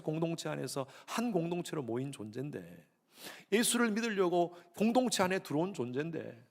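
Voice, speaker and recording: A middle-aged male pastor delivering a Sunday sermon in a church, his voice a little high with a gravelly edge. He drives points home by repeating phrases and putting questions to the congregation. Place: church sanctuary.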